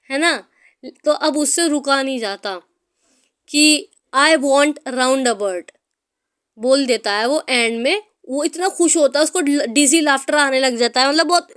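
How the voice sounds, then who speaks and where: Woman teacher, high voice, explaining a story, chatty and patient with students. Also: a bit bright. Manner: explains English words in Hindi, calls students "beta".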